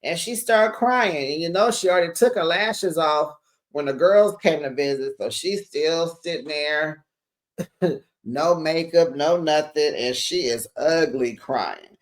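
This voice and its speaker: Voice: mid-range voice, a little slow. A host, giving a sassy, slangy, casual reality-TV recap straight to viewers.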